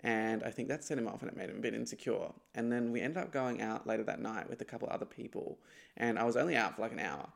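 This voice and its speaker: A man's voice: medium pitch, fast talker, gravelly. A young man with a lisp, hosting a casual solo podcast and telling a gossipy story with laughing asides. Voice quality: lispy. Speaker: podcast host.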